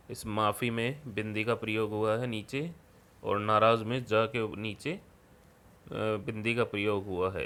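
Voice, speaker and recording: A man's voice: fairly low pitch, fairly bright tone. A man teaching schoolchildren through a worksheet, explaining patiently and often checking in with the class. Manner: patient, repeats words and fills with "ठीक है". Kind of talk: worksheet lesson explanation for children.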